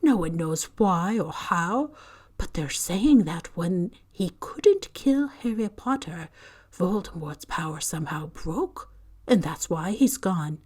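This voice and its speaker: A woman reading a story voices a stern older witch professor, a storybook schoolmistress on edge, making her sharp, pressing and loud, with her pitch raised by worry. The anxious, emotional character pushes her questions urgently, her words trembling, delivered expressively and unhurriedly.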